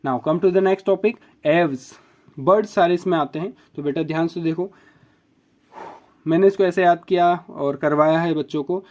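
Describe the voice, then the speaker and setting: Male biology teacher, upper pitch, slow emphatic repetition of key terms. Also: darkish tone. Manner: repeats key words slowly, drawn-out emphasis. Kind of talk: explaining mnemonic tricks.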